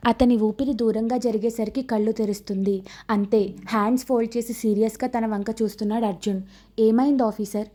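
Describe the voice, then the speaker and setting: A woman storyteller narrating a romance story in a steady, descriptive way. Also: mid-range voice.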